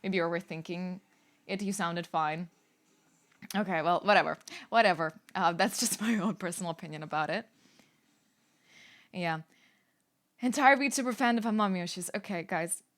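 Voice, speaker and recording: A woman's voice: lowish voice, normal speed, pauses often, fairly bright tone. A woman VTuber streamer chatting casually on a live stream, rambling, swearing and breaking into laughter often.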